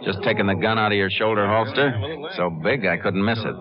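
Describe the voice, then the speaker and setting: An actor playing a calm, dryly confident lawman ranger with an unhurried, authoritative manner in an old-time radio western. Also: fairly low pitch, crowd noise, lightly acted. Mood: firm, dry. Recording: muffled old radio drama with music.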